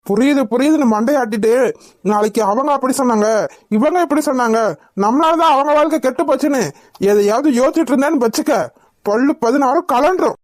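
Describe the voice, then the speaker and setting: A woman's voice: high-pitched, quick pace, darkish tone, no room sound, clean studio sound. A woman voicing a stern young husband in a cartoon, who scolds and lectures his wife. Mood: stern scolding. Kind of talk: cartoon voice acting.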